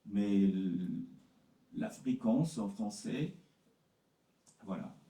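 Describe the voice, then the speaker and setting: A man gives a conference talk about translation. He answers questions slowly and haltingly, often repeating words and using fillers. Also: lowish voice, animated, dark tone, echoey room, far from the mic, rough recording. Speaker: literary translator presenting his work.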